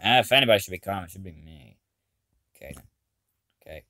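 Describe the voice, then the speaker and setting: A man's voice: deep voice, lively intonation, fast, pushed and bright, no echo, clean studio sound. A man doing casual gaming commentary, muttering to himself as he plays. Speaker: gamer recording gameplay.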